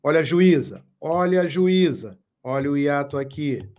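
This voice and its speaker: A man teaching a live online grammar lesson, speaking slowly and emphatically, repeating key words and asking viewers questions. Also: a little high, expressive, darkish tone. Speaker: Portuguese teacher.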